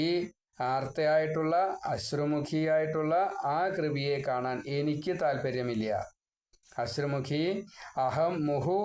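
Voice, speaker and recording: A man with a somewhat high voice leads a devotional scripture talk. He draws out each verse line slowly and then unpacks it word by word. His explanations circle back over the same terms again and again. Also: a little mellow. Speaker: scripture teacher.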